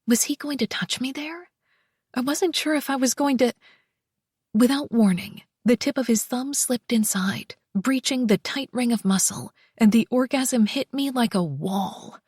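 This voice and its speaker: A woman narrating a first-person romance audiobook, soft and slow, with breathy whispered passages. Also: on the high side, dry recording, studio quality.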